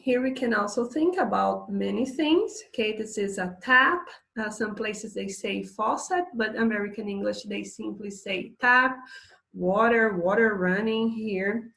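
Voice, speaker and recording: Slow gravelly-voiced woman teaching English. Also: medium pitch, fairly bright tone. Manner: slow, hesitant, many fillers, laughs often. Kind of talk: casual English lesson describing pictures.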